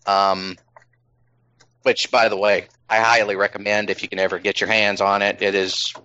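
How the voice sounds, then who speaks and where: A man's voice: on the low side, little pitch movement, moderate pace, pushed and bright, a little hiss or hum. Rambling man with a dull lo-fi sound. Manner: rambling, many ums and restarts. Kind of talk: casual chat.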